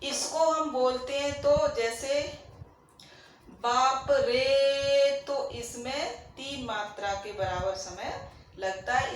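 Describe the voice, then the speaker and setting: A woman's voice: a little high, a bit bright. A woman teaching a grammar lesson. She asks questions and answers them herself, and she repeats the key points. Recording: very echoey room, faint background noise.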